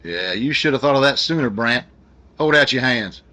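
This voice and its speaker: A man's voice: medium pitch, expressive, moderate pace, background noise, natural voice. A man playing a stern, scornful police officer in a radio detective drama, curt and commanding.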